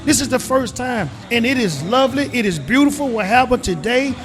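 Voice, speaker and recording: A middle-aged man from Mississippi with a Southern accent, speaking as a guest in a casual interview with emphatic, drawn-out stresses. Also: very high voice, animated, fairly bright tone. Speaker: guest, retired government agent.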